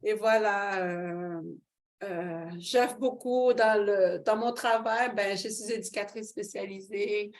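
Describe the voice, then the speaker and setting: Speaking slowly in a mid-range voice, a middle-aged woman gives her personal faith testimony as an interview guest. Her manner is fervent and expressive, full of fillers and laughter.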